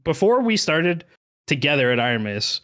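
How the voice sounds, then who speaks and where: A man's voice: a little high, very animated, normal speed, fairly bright tone. A man who was a creator manager, ranting heatedly with plenty of swearing on a podcast. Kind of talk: podcast chat.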